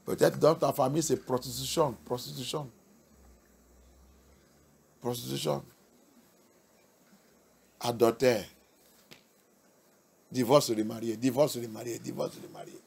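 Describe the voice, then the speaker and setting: A male pastor preaching a sermon with emphatic delivery, repeating key phrases and swinging from soft to loud. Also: medium pitch, a little slow, gravelly, pauses often, breathy edge.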